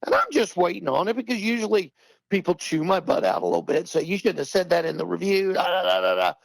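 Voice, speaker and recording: An older man talking heatedly on a podcast, repeating himself for emphasis and rising in pitch when worked up. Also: quick pace, creaky, dry recording, rough recording. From Texas. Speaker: podcast guest. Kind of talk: impassioned talk-show commentary.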